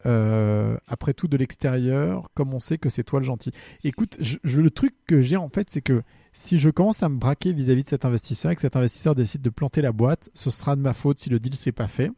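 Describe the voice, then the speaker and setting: A man's voice: medium pitch, brisk, creaky, dark tone, dry recording, studio quality. A man hosting a casual solo podcast, answering listener questions in a friendly, hesitant way full of fillers.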